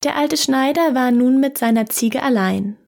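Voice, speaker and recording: A woman reading a fairy tale aloud in calm, measured storytelling. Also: sits high, creaky. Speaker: narrator.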